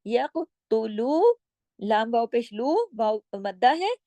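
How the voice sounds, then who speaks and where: A woman's voice: on the high side, lively intonation, darkish tone, no echo. Patient woman teaching recitation rules. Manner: patient, explanatory, checks in with "okay?"; draws out words slowly when demonstrating. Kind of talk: recitation lesson with slow demonstrations.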